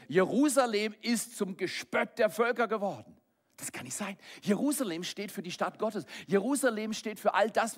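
A man preaching a sermon, moving between quiet low asides and loud raised passages. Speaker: pastor.

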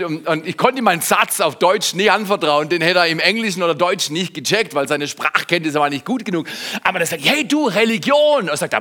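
A man from Germany preaching, telling a personal story and turning it into a sermon, speaking straight to the listener and swinging between loud outbursts and hushed lines. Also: sits high. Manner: addresses listener directly.

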